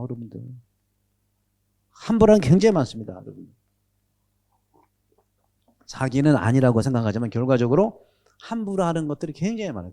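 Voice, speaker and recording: Man, priest, catechism lecture, from Jeolla, quizzes the audience, very expressive pitch. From Jeolla, Korea. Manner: animated, asks the audience questions.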